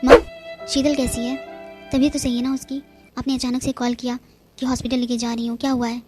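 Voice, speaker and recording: A woman's voice: high-pitched, flat delivery, a little fast, over loud music, natural voice. A woman voicing an anxious, earnest young husband and new father in a cartoon. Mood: worried. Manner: worried, earnest. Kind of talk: cartoon voice acting.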